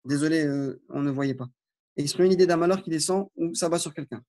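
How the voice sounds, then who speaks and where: Guy teaching arabic online, reads phrases slow then explains in french, voice a bit high. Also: a little mellow. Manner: informal, reassuring explanations. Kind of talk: online language lesson.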